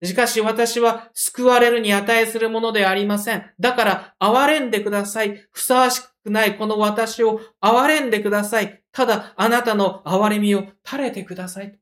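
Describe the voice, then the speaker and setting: A blind beggar man calls out again and again for mercy, his pleas raised and insistent, voiced by a preacher in the middle of a sermon. The voice sits slightly above the preacher's usual middle register and rings out louder. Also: medium pitch, steady tone, normal speed, hardly any pauses, lightly acted. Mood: humble pleading. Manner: pleading, raised insistent cries.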